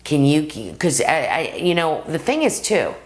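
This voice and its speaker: A middle-aged woman with a low voice coaches actors straight to the camera. Her pitch rises and falls widely as she talks. She calls her viewers "guys" and acts out stories from her own life to make her points. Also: a little slow. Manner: lively, addresses viewers as "guys", acts out anecdotes. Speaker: acting coach. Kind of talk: direct-to-camera acting lesson.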